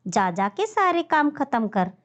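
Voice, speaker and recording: A woman's voice: high-pitched, very animated, a little slow. A woman voicing a bossy, cruel crow stepmother in a children's cartoon story, scolding and threatening like a wicked stepmother. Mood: scornful. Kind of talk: animated children's story voice acting. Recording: dull lo-fi audio.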